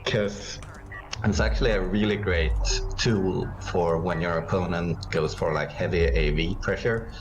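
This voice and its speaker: A man's voice: low-pitched, steady tone, unhurried, noisy background. A man co-casting a strategy game match, rambling with many fillers, English not his first language. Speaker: co-caster and player. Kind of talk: casual game commentary.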